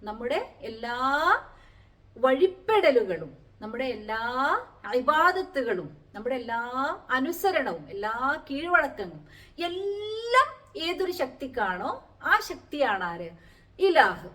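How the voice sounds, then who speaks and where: Woman, teacher, lively pitch, explains word by word, rhetorical questions. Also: takes it slowly. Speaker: Quran teacher. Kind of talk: Quranic Arabic lesson.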